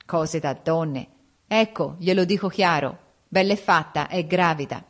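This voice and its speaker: A woman's voice: fairly low pitch, natural voice. Woman reading as a sly court doctor. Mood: knowing. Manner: slow, knowing, mischievous.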